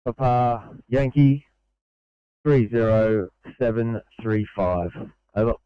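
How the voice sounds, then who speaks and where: A man's voice: medium pitch, slow pace, clear, resonant tone, no room sound. A man, an emergency field responder, making clipped two-way radio calls with frequent "uh" fillers, heard over a walkie-talkie. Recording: dull lo-fi radio audio.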